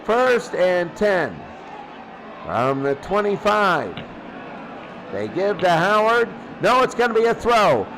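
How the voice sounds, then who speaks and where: Over a noisy rumble that sounds like a vehicle, a male radio announcer gives American football play-by-play. He talks slowly with wide swings in pitch, using brief, clipped phrases and often repeating them.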